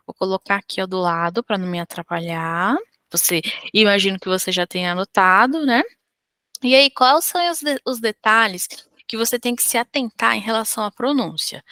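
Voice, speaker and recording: A woman's voice: medium pitch, sharp tone, dry recording. A woman with a Brazilian Portuguese accent teaching French grammar, patiently drilling verb conjugations step by step. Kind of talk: whiteboard grammar lesson.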